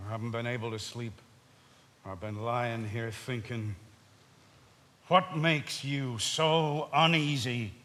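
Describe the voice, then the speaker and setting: Suspicious older husband, stage drama, slow deliberate delivery, brooding, sudden shouts. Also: male voice, mid-range voice, fairly even intonation. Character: bitter, suspicious older husband back from war.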